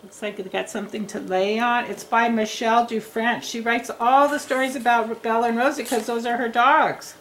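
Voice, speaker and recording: A woman reading teacher giving a lesson to young children at a tabletop, speaking in a slow, encouraging way and sounding words out. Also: on the high side, fairly even intonation, a bit bright, a little hiss or hum. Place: indoors at a tabletop.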